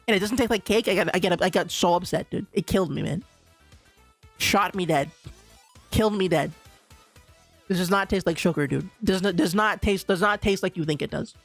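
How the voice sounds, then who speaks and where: A young man from Bermuda streaming, ranting in an animated, casual way with lots of laughter. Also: high voice, vocal fry. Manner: animated ranting, laughs often, says "dude" a lot. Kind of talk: casual livestream chat.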